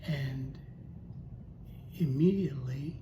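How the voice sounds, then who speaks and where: A man's voice: medium pitch, takes it slowly. Guy doing a laid-back bible talk, chatty, asks questions, echoey room with hiss. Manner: conversational, storytelling, rhetorical questions. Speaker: Bible teacher. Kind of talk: casual Bible teaching talk. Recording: echoey room with steady noise.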